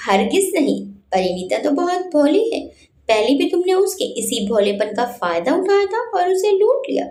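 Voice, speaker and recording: A woman's voice: high voice, sing-song, moderate pace, a little mellow, echoey room. A woman voicing a scornful young man, a rival in love, who mocks and lectures in a storybook reading. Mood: contemptuous. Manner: mocking, contemptuous.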